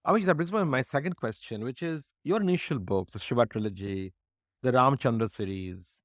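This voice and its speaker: A man's voice: mid-range voice, expressive, fairly quick, dry recording, clean studio sound. A man from Bengal with an Indian English accent, interviewing conversationally and attentively, often interjecting agreement.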